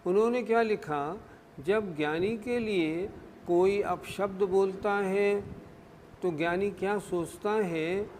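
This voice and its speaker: A man's voice: sits high, takes it slowly, darkish tone, in a large hall, slight background noise. A man giving a scriptural discourse as a religious scholar, explaining patiently and answering his own questions.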